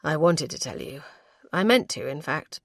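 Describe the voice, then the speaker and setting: A woman voicing an affectionate young lord, speaking low, wry and murmuring to his new wife. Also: lively intonation, normal speed, no room sound, clean studio sound. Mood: tender.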